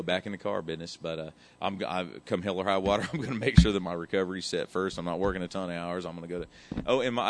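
A man, sharing his recovery story in a candid, emotional, rambling way, often saying "man" and swearing casually. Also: sits low. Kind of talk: candid personal testimony.

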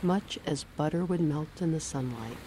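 Woman, low voice, soft mellow tone, soothing hypnosis guide, faint room hum. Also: poor audio. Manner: slow, soothing, measured phrasing. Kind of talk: guided relaxation script.

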